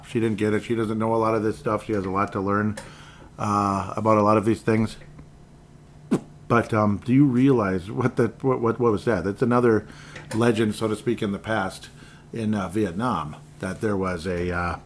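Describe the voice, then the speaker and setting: A man's voice: on the low side, slight background noise. A man hosting a channel, chatting casually in a rambling way after a clip. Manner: rambling, with fillers and restarts. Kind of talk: casual chat.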